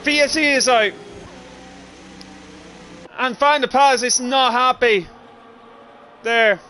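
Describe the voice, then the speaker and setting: A man's voice: extremely high pitch, takes it slowly, sharp tone. A man doing live race commentary on a livestream of a sim racing event. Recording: clearly noisy, engine noise behind.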